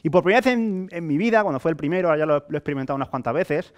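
A young salesman with a Spain Spanish accent talks rapid-fire to a small audience gathered in a hotel meeting room. His pitch is a bit high for a man, and he keeps things informal and energetic, leaning on rhetorical questions and familiar examples to make his pitch.

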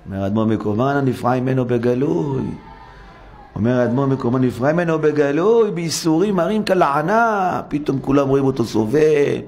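A man's voice: medium pitch, lively intonation, darkish tone. A male rabbi giving a sermon in a synagogue, dramatic, acting out complainers through rhetorical questions. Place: synagogue study hall.

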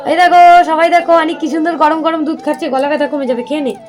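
A woman's voice: high voice, fast talker. A young woman, a mother, vlogging at home: she talks viewers through her cooking step by step and coaxes her small children in a sing-song voice. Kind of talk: casual home vlog narration. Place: home kitchen. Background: background music.

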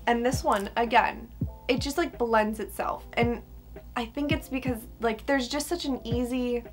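A woman's voice: fairly high pitch, measured pace, music in the background. A young adult woman chatting casually to camera as a beauty vlogger, emphatic and casually sweary, with a whistling s. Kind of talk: casual chat to camera, product ranking. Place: small furnished room indoors.

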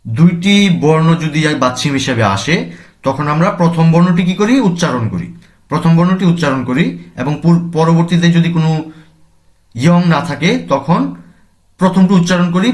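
A man teaching a language class, explaining grammar step by step and answering his own questions. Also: on the high side.

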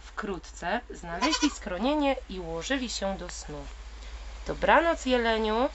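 Woman storyteller for kids, lively sing-song reading, noisy recording with goat bleats behind. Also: mid-range voice, measured pace. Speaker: children's story reader. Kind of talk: reading aloud to children. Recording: loud background noise.

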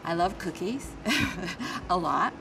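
Sincere older woman, low voice. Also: expressive, slow pace, creaky, recorded from a distance. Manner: warm, sincere, grateful. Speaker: cardiac rehab patient. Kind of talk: documentary interview. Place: indoor rehab gym.

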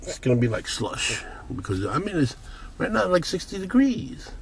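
A man's voice: a little high, big pitch swings, normal speed, gravelly. Older new guy venting on his vlog, cussing, voice jumps all over, faint hiss behind. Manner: blunt, profane, ranting, heated bursts. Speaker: vlogger. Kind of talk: casual vlog rant. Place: out and about running errands.

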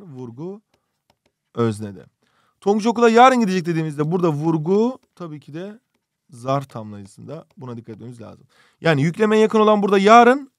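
A man's voice: fairly high pitch, no echo, studio quality. A male teacher giving an online exam-prep grammar lesson, explaining step by step and asking rhetorical questions. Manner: reads out student questions from cartoons.

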